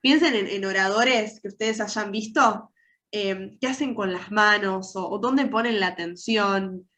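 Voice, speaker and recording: A soft-skills trainer, a woman speaking Argentine Rioplatense Spanish, sounds pushed and bright at a medium pitch while taking her time. She has a cold that leaves her nasal and congested, and she questions her online workshop audience often.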